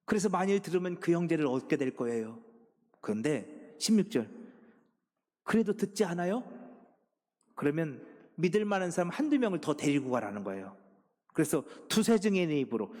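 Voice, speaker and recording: A man preaching a sermon as senior pastor, swinging from hushed pleading to loud, emphatic exhortation. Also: fairly high pitch, big pitch swings, brisk. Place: church sanctuary. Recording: long reverb of a church sanctuary.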